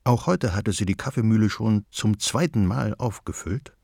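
A man narrating a children's storybook in a slow, deliberate storytelling manner. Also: on the low side, gravelly, darkish tone, no echo, studio quality.

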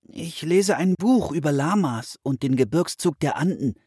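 A man's voice: on the high side, lively intonation, mellow, breathy edge, no room sound, clean studio sound, pitched above the performer's own voice. A man doing a precise, sensible boy. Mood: earnest. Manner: measured and explanatory.

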